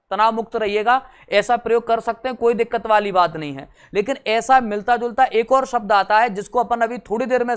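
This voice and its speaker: A man's voice: very high voice, smooth. A young adult man teaching a grammar lesson for exam prep, chatty and teasing, often quizzing his students.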